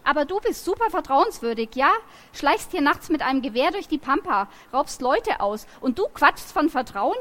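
A defiant teenage girl from a storybook, sharp-tongued and indignant, as a woman reads her lines aloud. Her voice sits slightly high and snaps back at every demand. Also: big pitch swings, moderate pace.

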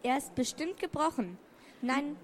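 A woman's voice: high voice, expressive, a little slow, a crowd in the background. Woman reading a children's story. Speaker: storyteller taking turns reading.

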